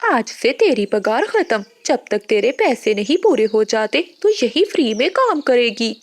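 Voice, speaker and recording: Woman doing a greedy cartoon crow landlady, high, lively, harsh and scolding. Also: unhurried, full character voice. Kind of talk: Hindi cartoon voice acting.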